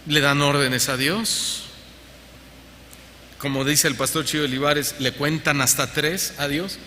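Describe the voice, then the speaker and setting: A man's voice: fairly high pitch, fairly even intonation, a little slow, bright, forceful tone. A man with a Mexican Spanish accent preaching a sermon to a congregation, asking them questions and mocking the voices of the people he quotes. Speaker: pastor. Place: church hall. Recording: church hall reverb, faint background noise.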